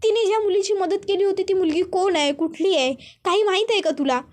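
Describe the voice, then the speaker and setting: A woman's voice: very high-pitched, fast talker, pitched above the performer's own voice. A woman voicing an anxious young man who urgently pleads and reassures in a retold serial story. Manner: urgent, coaxing, repeats pleas.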